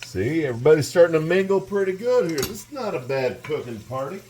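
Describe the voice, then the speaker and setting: His voice sits a little high and mellow, swinging widely in pitch as he talks at a brisk clip. This home-kitchen cooking host is chatty, speaks straight to his viewers, and keeps calling them "guys," over a faint hiss or hum.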